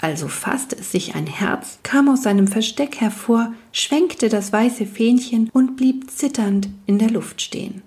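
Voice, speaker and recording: A woman reading a fantasy storybook aloud as narrator, in a calm, even storytelling manner. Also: fairly high pitch, a little slow, few pauses. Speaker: audiobook narrator.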